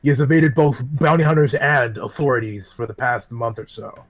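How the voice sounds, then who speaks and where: Brief: male game master, mid-pitched, relaxed and rambling, casual tabletop narration. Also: fairly quick.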